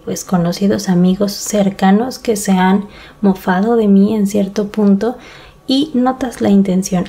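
Mexico City woman, mellow voice. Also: mid-range voice, vocal fry. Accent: Mexico City Spanish. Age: 30s. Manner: candid, conversational, talks to listener directly. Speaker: podcast host. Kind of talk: casual monologue podcast.

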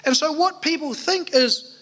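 A man's voice: very high-pitched, unhurried, bright, forceful tone. A man preaching a sermon at a pulpit microphone in a church, earnest and emphatic, asking rhetorical questions. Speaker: pastor.

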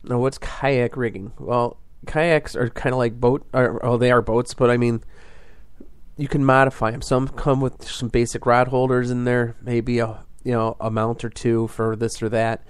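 A man's voice: medium pitch, flat delivery, normal speed, smooth, no echo. A man hosting a fishing podcast, explaining things in a casual, rambling way full of fillers and restarts.

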